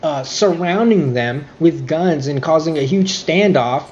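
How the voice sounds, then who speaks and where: Young man ranting about a game, mellow voice. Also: a little high, animated, unhurried, dull audio, a little hiss or hum. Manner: irritated, profane, nitpicking. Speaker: game reviewer. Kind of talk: casual spoiler review rant.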